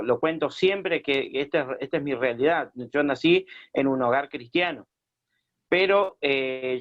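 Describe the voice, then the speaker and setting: Man, pastor from Chile, hesitant speech, many fillers, muffled lo-fi audio. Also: mid-range voice. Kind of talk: radio interview, personal testimony.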